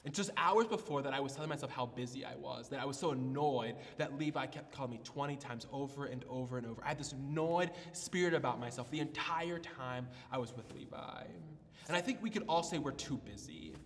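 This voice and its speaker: A man's voice: medium pitch, brisk, big-room sound, faint music behind. A man preaching a sermon as pastor, telling a personal story with many restarts and fillers. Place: church hall.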